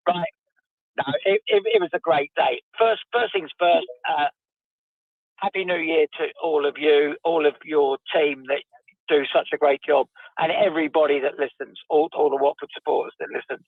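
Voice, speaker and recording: A man's voice: on the high side, fairly even intonation, moderate pace, no room sound. Man, radio caller, muffled down-a-well phone sound, tinny line, chatty and joking. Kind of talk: casual chat.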